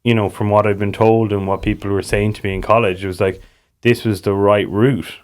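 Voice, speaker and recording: A young man with a west of Ireland accent and a fairly low voice. He talks casually as an interview guest, telling stories in slangy, sweary speech full of "like" and "you know". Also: level tone, fairly quick. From Galway, Ireland. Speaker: podcast guest, business co-founder. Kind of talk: casual chat, anecdotal.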